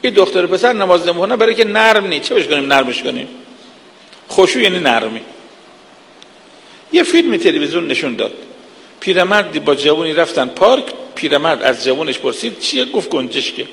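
Gravelly preacher in a reverberant hall. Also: male voice, fairly high pitch, very animated, a bit bright. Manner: earnest, lecturing with vivid examples. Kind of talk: sermon.

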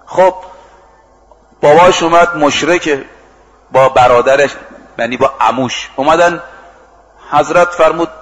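A man giving a sermon, telling stories vividly, acting out the quoted dialogue, and slowly chanting scripture and verse. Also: a little high, rough recording. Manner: lively storytelling that acts out quoted exchanges and chants scripture and verse. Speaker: preacher. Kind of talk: storytelling sermon.

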